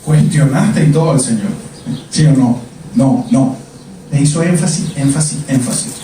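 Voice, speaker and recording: A man's voice: medium pitch, moderate pace, dark tone, a little hiss or hum. Echoey, distant man preaching. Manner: emphatic, repeats words and asks the congregation questions. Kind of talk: sermon. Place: church sanctuary.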